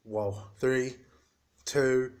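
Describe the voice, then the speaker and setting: A man's voice: medium pitch, steady tone, very slow. A man in a casual, playful vlog, introducing the voices he does for his pet birds. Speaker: vlogger.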